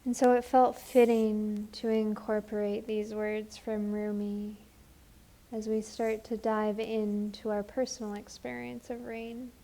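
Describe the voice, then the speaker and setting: Long pauses separate the slow, soothing phrases of a woman leading a guided meditation as a teacher. Her voice sits in the mid range, and her delivery is flat.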